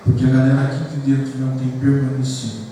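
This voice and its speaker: A man's voice: medium pitch, little pitch movement, fast talker, mellow, slight background noise. A man from Brazil, a pastor preaching an earnest sermon to his congregation in a church hall. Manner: earnest, addresses the congregation as "queridos". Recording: echoey church hall picked up from far off.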